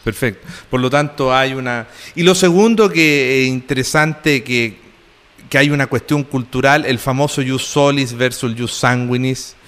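Interviewer guy, formal and wordy, lots of ums, smooth voice with a long echo. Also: mid-range voice, fairly bright tone. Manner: formal, elaborate phrasing with many hesitations.

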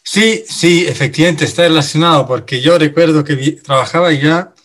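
A middle-aged man from Italy, a native Italian speaker with an Italian accent, answering radio interview questions in a halting way, full of pauses and fillers. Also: a little high, a bit bright. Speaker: guest, finance director.

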